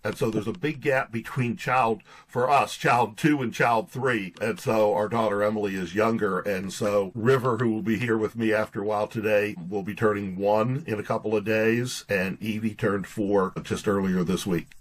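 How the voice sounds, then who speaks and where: A middle-aged pastor and author from Pittsburgh, in the United States, appears as an interview guest and tells personal stories in a folksy, conversational way. His voice is lowish and steady, at a normal speed with hardly any pauses.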